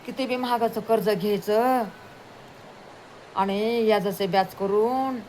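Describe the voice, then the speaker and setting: A woman telling a moral folk story to an audience, animated and repetitive, acting out the characters. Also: medium pitch, takes it slowly, a little hiss or hum. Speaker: storyteller preacher.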